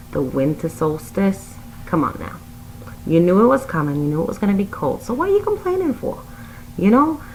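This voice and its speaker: A woman's voice: mid-range voice, lightly acted, poor audio. Brassy Brooklyn woman, as a vlogger puts her on, put-on Brooklyn accent, bossy, blunt, lecturing, faint background hiss. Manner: ranting, sassy, lecturing the viewer. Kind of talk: comic rant to camera.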